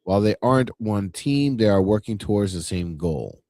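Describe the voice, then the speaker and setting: A man co-hosting a podcast, speaking in a hesitant way with many "uh"s and pauses. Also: fairly low pitch, expressive, darkish tone, dry recording. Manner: hesitant, full of "uh" and "let's see". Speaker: podcast co-host. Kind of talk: casual chat.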